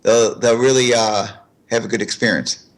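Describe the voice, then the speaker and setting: A man with an average-pitched voice answers as a guest in a casual interview. He sounds laid-back and speaks a little haltingly. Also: fairly even intonation. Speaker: interview guest, martial arts instructor.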